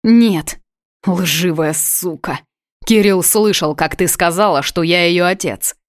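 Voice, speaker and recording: A woman's voice: deep voice, moderate pace, darkish tone, dry recording, clean studio sound. A woman voicing a furious young man who demands answers through clenched teeth, in an audiobook reading. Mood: angry demanding.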